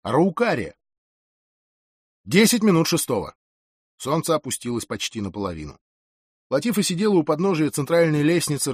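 Guy narrating an audiobook, lively up and down voice, dry close mic. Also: mid-range voice, no echo. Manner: expressive, dramatic reading. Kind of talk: first-person audiobook narration.

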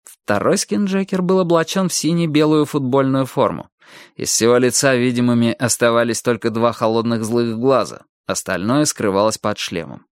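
A man reading an audiobook aloud with lively, animated expression. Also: mid-range voice, moderate pace, smooth, no room sound, studio quality. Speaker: audiobook narrator.

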